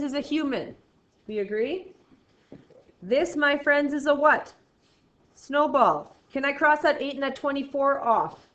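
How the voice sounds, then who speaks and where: A woman in her forties runs a math class with a playful, teasing energy. Her voice sits a little high. The sound is echoey and lo-fi, with a faint hiss behind her. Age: 40s. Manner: lively, playful and teasing with students. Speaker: math teacher. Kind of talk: classroom lesson. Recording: echoey room, dull lo-fi sound, faint noise.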